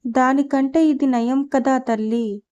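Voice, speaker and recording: A soft-spoken, patient middle-aged father from a storybook who talks mildly and teases kindly, voiced by a woman narrator. The voice is high, and the recording sounds slightly dull. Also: steady tone, slow pace, clean tone.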